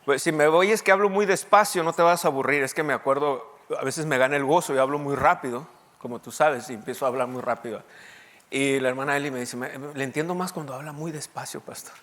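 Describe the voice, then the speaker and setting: A man preaches to his congregation in a mid-pitched voice, pressing his points with repetition and scripture readings. His voice rings with the long reverb of a large hall. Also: fast talker. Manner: lively preaching with quoted scripture and asides to the congregation. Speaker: pastor. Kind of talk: sermon.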